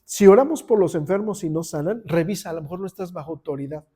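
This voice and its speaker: High-voiced preacher. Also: male voice, quick pace, mellow, breathy edge. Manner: conversational, addresses the congregation directly. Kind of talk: sermon.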